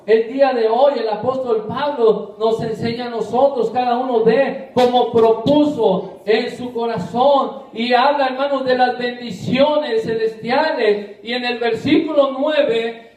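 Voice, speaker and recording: A man's voice: extremely high pitch, darkish tone. A man preaching a sermon, calling his listeners brothers over and over and stretching his words out for emphasis. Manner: repeatedly addresses listeners as brothers, drawn-out emphatic delivery. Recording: echoey room, voice from a distance.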